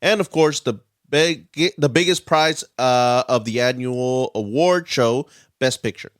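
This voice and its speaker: A man hosting a casual film podcast, leading a recap in a relaxed way with plenty of filler words. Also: mid-range voice, measured pace, no room sound, studio quality. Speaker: podcast host.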